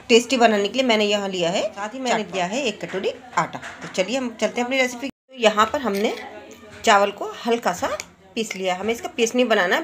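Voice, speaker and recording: A woman hosting a cooking channel, giving friendly step-by-step recipe instructions as a voice-over. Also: on the high side. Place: home kitchen.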